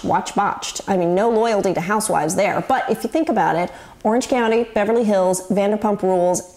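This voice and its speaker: Woman, 40s, show host, scripted commentary, chatty, wry, mid-pitched voice. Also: darkish tone.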